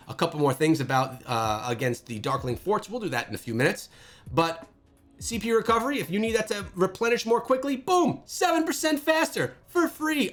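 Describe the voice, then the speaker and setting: A man hosting a gaming channel, talking through gameplay with animated exclamations. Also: fairly high pitch. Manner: animated and exclamatory, thinking aloud. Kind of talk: gameplay commentary.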